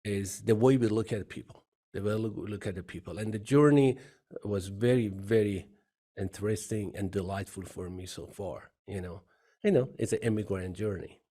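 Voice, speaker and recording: A man's voice: on the low side, moderate pace, mellow. A middle-aged man from Iran with an Iranian accent, an earnest CEO guest telling his story in an interview and repeating phrases. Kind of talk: interview conversation.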